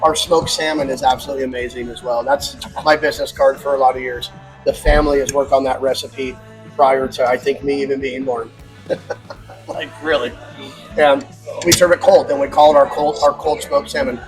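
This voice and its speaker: A man's voice: medium pitch, fairly even intonation, a little fast, over music. A man who owns a barbecue restaurant, chatting casually and laughing often while eating. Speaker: restaurant owner.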